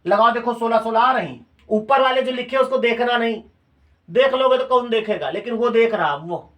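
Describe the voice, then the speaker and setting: A man's voice: extremely high pitch, moderate pace, a bit bright. A male teacher with a Hindi accent of Uttar Pradesh, giving a classroom lecture. He repeats key phrases and keeps quizzing his students with questions.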